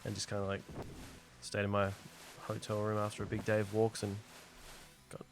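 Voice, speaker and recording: A man's voice: on the low side, monotone, moderate pace. An Australian man hosting a let's play, rambling through a funny anecdote while laughing often. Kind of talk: casual chat over gameplay.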